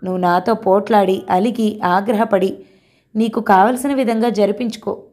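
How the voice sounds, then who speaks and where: A woman voicing an earnest young man who gently pleads and reassures his bride, in a mellow voice. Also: medium pitch, fairly even intonation, moderate pace, lightly acted. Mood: tender.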